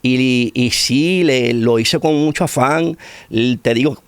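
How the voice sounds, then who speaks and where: A middle-aged man from Puerto Rico, speaking with a Puerto Rican Spanish accent, gives his personal testimony as an interview guest in conversation, repeating phrases for emphasis. His mid-range voice is clear and resonant, and he speaks slowly. The recording has no echo.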